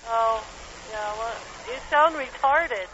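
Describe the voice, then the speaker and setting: A woman's voice: fairly high pitch, slow. A woman working at a restaurant, heard over the phone, puzzled and then curt with the caller. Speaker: restaurant worker answering a call. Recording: muffled phone line, busy crowd behind.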